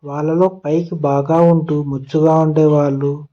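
A man narrating a children's moral story in a gentle storybook manner. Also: a little high, flat delivery, moderate pace, muffled recording. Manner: gentle storybook telling, voicing characters' lines in turn.

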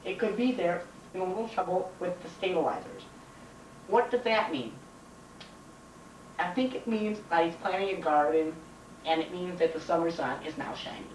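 A young man doing a teacher impression of a goofy, indulgent female high school teacher, repeating himself in an amateur comedy skit. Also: moderate pace, pauses often, distant mic, natural voice. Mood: chirpy, goofy. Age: young adult. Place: home kitchen. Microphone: camcorder a few feet away. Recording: noisy, roomy home camcorder audio.

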